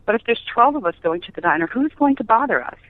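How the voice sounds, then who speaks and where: A woman's voice: fairly high pitch, animated, fast talker, dry recording. Middle-aged woman on a tinny phone line. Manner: chatty, emphatic, uses rhetorical questions. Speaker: podcast guest, business founder. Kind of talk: conversational interview, anecdotal storytelling.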